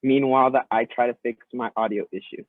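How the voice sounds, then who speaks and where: A man's voice: medium pitch, fairly even intonation, fairly quick, no echo. Polite guy teaching over a call, sounds muffled like through a wall, dry, thin phone-ish audio. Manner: polite, thanks students for feedback. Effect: muffled, as if heard through a wall or underwater. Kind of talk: online class instruction.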